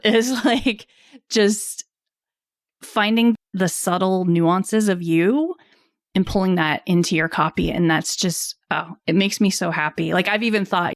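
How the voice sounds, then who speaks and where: A woman's voice: fairly low pitch, no echo. Woman copywriter guest, dry close sound. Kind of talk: casual interview chat. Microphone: video call.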